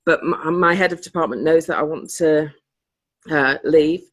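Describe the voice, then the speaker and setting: On a coaching group video call, a deep-voiced woman from Britain speaks at a normal speed in a relaxed, chatty way. She laughs a lot and now and then loses track of what she was saying.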